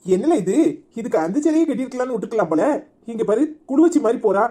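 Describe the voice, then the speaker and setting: A woman's voice: fairly high pitch, animated, fast talker, warm tone. A woman voicing a sarcastic, grumbling village father in a cartoon, with a Tirunelveli accent. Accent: Tirunelveli Tamil.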